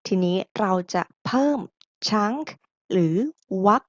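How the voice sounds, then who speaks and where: Slow, lively woman teaching English. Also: mid-range voice, highs cut off, heavy background noise. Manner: slow, drilling pronunciation with call-and-repeat. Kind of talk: audiobook English lesson.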